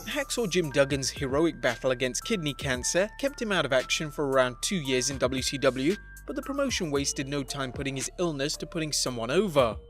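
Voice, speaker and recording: Male countdown narrator, mid-pitched, even and dry, reading over soft background music. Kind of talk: scripted narration. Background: faint background music.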